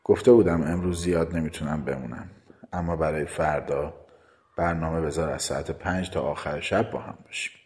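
A man voicing a tender young woman in a told story, pleading and sweet, with his voice lifted higher. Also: steady tone. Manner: soft, sweet and coaxing.

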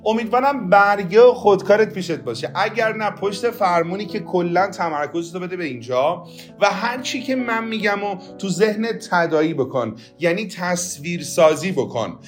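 A man teaching English on a podcast, saying each practice phrase slowly and clearly so the listener can repeat it. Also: high voice, lively intonation, faint music behind.

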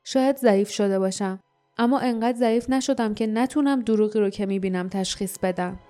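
A weak, wounded man voiced by a woman speaks faintly and slowly. He sounds strained but stubborn. The tone is mellow and dark, from a storybook reading. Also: sits high, soft background music, voice pushed up, natural voice. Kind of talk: audiobook character voice.

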